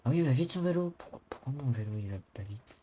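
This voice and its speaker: A man acts out a worried, mild-mannered Englishman in an online game. His French is simple, halting and a little broken, with an English accent. The voice is mellow and relaxed in tone, over faint background ambience. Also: mid-range voice, a little hiss or hum, lightly acted. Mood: plaintive, chatty. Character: mild, worried, clumsy Englishman living in a city, speaking some French. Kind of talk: improvised online role-play.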